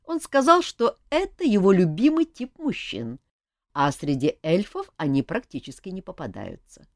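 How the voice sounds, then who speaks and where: A woman reading an audiobook, voicing a lively, cheeky young male court jester who teases and pleads. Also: fairly low pitch, moderate pace, no echo, clean studio sound. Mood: teasing. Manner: animated, teasing, pleading.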